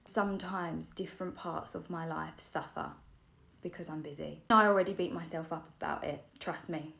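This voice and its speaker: A woman's voice: low voice, creaky, a bit bright. A woman in her thirties, close to tears, telling a candid, self-deprecating story about being a mum. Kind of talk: emotional storytime vlog.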